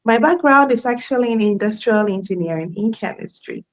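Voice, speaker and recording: A woman's voice: a little high, expressive, brisk, rough recording. A woman in her thirties, a guest in a live online interview, telling her story in a chatty way and laughing often.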